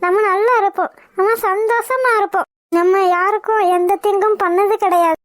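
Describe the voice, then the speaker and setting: A woman's voice: very high-pitched, a bit bright, dry recording, clean studio sound. A woman voicing a young, devoted wife in a cartoon, affectionate, pleading and playfully scolding. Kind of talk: cartoon voice acting.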